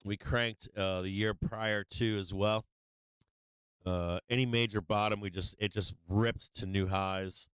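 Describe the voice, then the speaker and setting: A man giving casual live trading commentary as a show host, blunt and profane, often halting and repeating himself. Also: on the low side, steady tone, a bit bright, clear, resonant tone, dry recording.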